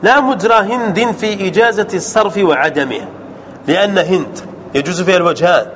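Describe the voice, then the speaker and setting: A man teaching an Arabic grammar lesson as a sheikh, explaining rules and quizzing his students with quick questions. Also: high voice, fairly bright tone. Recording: dull lo-fi sound with faint noise.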